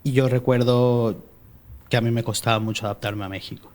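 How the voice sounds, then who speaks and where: As a guest on a podcast, a young Mexican-born man raised in Spain chats about his faith, full of hesitations and restarts. He speaks briskly in a medium pitch with a steady tone, and his Málaga Spanish accent shows Mexican traces.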